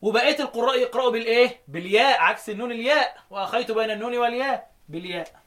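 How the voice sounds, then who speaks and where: A man with an Egyptian Arabic accent teaching a lesson on recitation readings, asking questions and answering them himself, chanting verses slowly. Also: very high voice, a bit bright.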